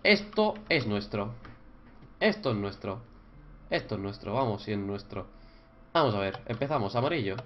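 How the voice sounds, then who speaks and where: Foul-mouthed young gamer, lively pitch. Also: male voice, moderate pace, long pauses. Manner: swears a lot, yells and screams in frustration; mutters quietly to himself while solving puzzles. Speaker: gaming YouTuber. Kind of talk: Minecraft let's play commentary. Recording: dull lo-fi mic with faint noise.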